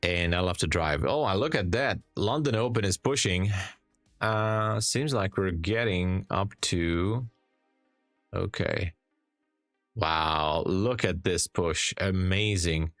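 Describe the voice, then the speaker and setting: A young man with a Hungarian accent chats with viewers during a live trading stream. His voice sits low, and he takes his time between words. The sound is dry and close, with soft music behind him. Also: slow, long pauses, dry recording. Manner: chatty, laughing, frequent restarts while reading chat. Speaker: live-stream day trader. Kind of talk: casual live-stream chat answering viewers. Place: home trading room. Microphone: headset.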